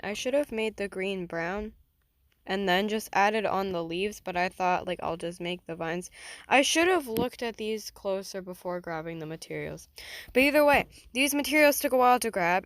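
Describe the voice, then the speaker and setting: A woman's voice: medium pitch, no room sound. A woman giving casual, rambling gameplay commentary, thinking aloud as she builds. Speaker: gaming vlogger.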